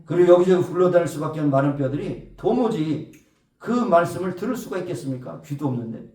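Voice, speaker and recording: A man's voice: a little high, darkish tone, reverberant, far from the mic. A man preaching a Sunday sermon, swelling for emphasis and often putting rhetorical questions to the congregation. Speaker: pastor. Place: church sanctuary.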